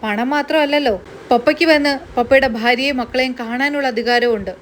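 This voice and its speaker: A woman's voice: high-pitched, brisk, slight background noise, natural voice. A woman voicing an earnest young daughter. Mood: pleading. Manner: pleading, earnest. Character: earnest young daughter pleading with her father.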